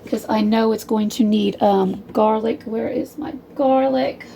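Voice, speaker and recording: A woman's voice: on the high side, steady tone, measured pace, gravelly, noisy background. A woman hosting a casual cooking video in her home kitchen, rambling in a chatty way and calling her viewers y'all. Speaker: home cook, channel host.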